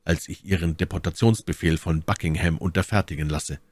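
A man reading an audiobook, voicing a grim, resolute young officer in a somber, measured tone. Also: low-pitched, steady tone, a little mellow, no room sound, studio quality.

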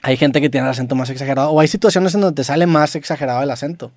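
Monterrey guy on a podcast, talks fast, jokey and self-critical, dry close sound. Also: mid-range voice, a little mellow, no room sound. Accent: Monterrey Mexican Spanish. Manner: joking, self-critical, swears casually. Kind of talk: casual chat.

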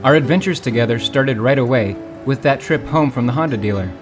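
A man narrating as a small motorcycle in earnest, scripted storytelling over guitar music. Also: medium pitch.

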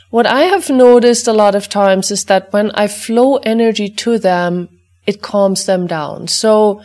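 A woman teaching an energy healing exercise for dog owners, guiding gently and repeating chant-like clearing phrases. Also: medium pitch. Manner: calm, repetitive incantation-like clearing phrases.

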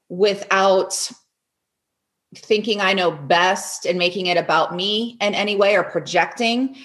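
Energetic woman coach, speaking emphatically. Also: fairly low pitch. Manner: energetic and emphatic, acts out her own inner voice. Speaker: coach and author. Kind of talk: podcast interview guest.

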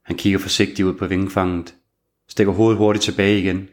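Male thriller narrator, lowish voice. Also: level tone. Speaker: audiobook narrator.

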